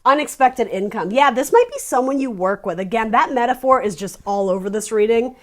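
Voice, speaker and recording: A woman giving a casual tarot reading, chatty and animated, restarting her sentences and laughing between thoughts. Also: on the high side, fairly quick. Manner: laughs often while talking. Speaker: tarot reader.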